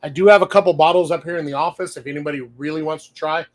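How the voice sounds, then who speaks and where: A man from Louisiana hosts a casual wine-tasting talk with a somewhat higher voice. He rambles from story to story and chuckles often. Now and then he talks while chewing. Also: fairly even intonation, very fast. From Louisiana, USA. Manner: talks with his mouth full while eating. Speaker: wine shop owner and show host.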